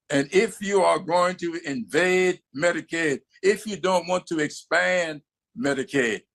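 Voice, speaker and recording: A man's voice: on the high side, fairly bright tone. A man making firm, critical remarks about policy. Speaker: political speaker.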